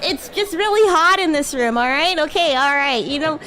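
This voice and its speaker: In improvised livestream roleplay, a woman VTuber voices a bratty young demon girl who is a classmate, stammering and teasing as she puts on a haughty, defensive, flustered act. Her voice is high-pitched and sharp, at a normal speed.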